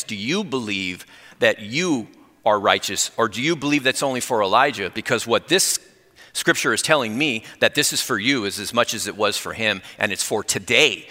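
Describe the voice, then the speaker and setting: A middle-aged man giving a conversational sermon with personal testimony, earnest and growing excited, speeding up when fired up. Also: fairly low pitch. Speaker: lay preacher. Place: church. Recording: long reverb in a church hall.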